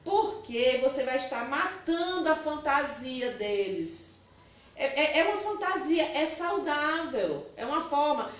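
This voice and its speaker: A middle-aged woman pastor delivers an animated sermon, her higher voice swinging widely in pitch. She is picked up from a distance in a very echoey church hall, with faint ambient noise behind her. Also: unhurried. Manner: animated and emphatic, laughing at her own remarks.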